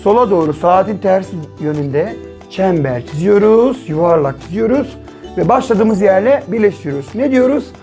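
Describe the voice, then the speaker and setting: A man's voice: sits high, expressive, moderate pace, mellow, faint music behind. A male primary school teacher giving a children's literacy lesson, patiently asking questions and answering them himself. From Turkey. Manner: patient, asks and answers his own questions.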